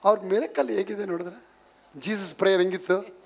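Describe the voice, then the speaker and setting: A man's voice: sits high, fairly even intonation, fairly quick, creaky. A man preaching a charismatic sermon to a congregation, emphatic and full of rhetorical questions, slipping English phrases in.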